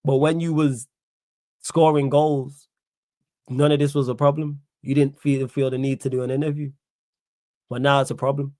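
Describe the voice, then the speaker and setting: Hosting a live stream, a young man from Manchester reads out chat messages and responds indignantly, repeating himself to drive points home. Yet his medium-pitched voice is flat and mellow at normal speed, with long pauses and no room sound.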